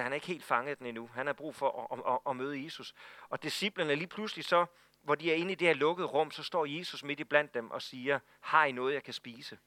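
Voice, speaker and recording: A male pastor preaching a sermon, telling the story in an animated way with frequent stammered repeats. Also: fairly high pitch, no echo.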